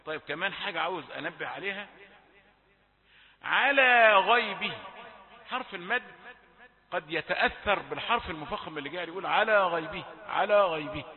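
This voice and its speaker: A man with an Egyptian accent leads a Quran recitation lesson in a high voice. He draws verses out in slow chant, then breaks into brisk colloquial corrections. The sound is thin and phone-like, with a long reverberant tail. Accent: Egyptian Arabic. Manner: chants verses slowly, then explains in quick colloquial asides.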